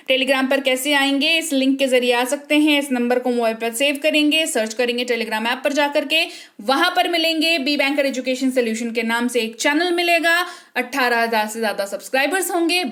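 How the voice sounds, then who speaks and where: A woman teaching a spoken English lesson online. She repeats each word slowly, spells it out letter by letter and often checks in with the viewer. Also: high voice, fairly bright tone. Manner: asks the viewer rhetorical questions.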